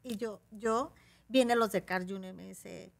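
A middle-aged woman with a Mexican accent tells a story as a guest on a talk show. Her voice sits at an ordinary middle pitch, and her delivery is animated, with the voices of the people she quotes acted out along the way. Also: unhurried, vocal fry.

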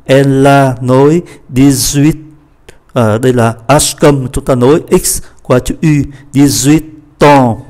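Slow, patient male French teacher. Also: medium pitch, fairly even intonation, darkish tone. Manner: slow, deliberate model readings of French phrases between quick explanations. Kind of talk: pronunciation lesson.

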